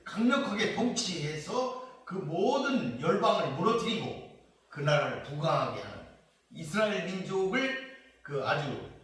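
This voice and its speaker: Male pastor preaching; animated, somewhat high delivery; heavy church reverb, off-mic. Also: measured pace. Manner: explains scripture verse by verse, mocking quoted questions. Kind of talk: sermon. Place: prayer retreat church. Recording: very echoey church hall, mic at a distance.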